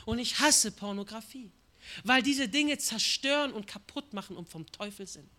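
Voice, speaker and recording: A male preacher with a bright, forceful tone that cuts through. He delivers the sermon with great passion, dropping to hushed words and then rising to loud outbursts. He acts out quoted prayers and voices as he goes. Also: high-pitched, normal speed. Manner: impassioned, swings from hushed to shouting.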